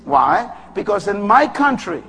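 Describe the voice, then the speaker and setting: A man from the Bahamas with a Bahamian accent, preaching a sermon with emphatic bursts that rise high and drop low. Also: sing-song, unhurried, pushed and bright, slight background noise. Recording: long hall reverb.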